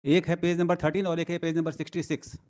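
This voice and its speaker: A man's voice: fairly high pitch, flat delivery, fast, darkish tone. A man arguing his own case before a judge, deferential and reading out document numbers. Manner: deferential, says sir constantly, reads out document numbers. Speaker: petitioner arguing in person. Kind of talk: courtroom argument.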